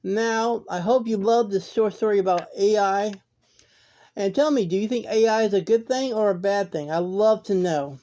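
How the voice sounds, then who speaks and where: Mellow-voiced woman hosting a horror channel. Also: medium pitch, moderate pace. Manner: relaxed, chatty, repeats "now". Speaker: horror story channel host. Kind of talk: casual chat to viewers.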